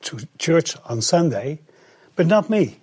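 A man from the Netherlands, a guest telling his story in short halting bits with many fillers and restarts for an interpreter. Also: on the high side, very animated, darkish tone, breathy edge. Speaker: guest, travel coordinator.

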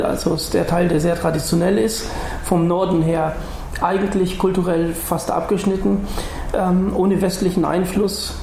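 A man from North Africa addresses an audience in an earnest, patient lecturing tone, telling his faith testimony. His voice carries around a roomy hall, with a faint hum of ambience behind him. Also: sits high. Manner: earnest, gently explaining to an audience. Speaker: guest speaker.

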